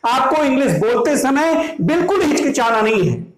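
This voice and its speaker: A man's voice: very high-pitched, very animated, moderate pace, echoey room, poor audio. An Indian man teaching a spoken English class in a classroom, explaining each point step by step and repeating it in Hindi. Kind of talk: classroom language lesson. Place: classroom with students.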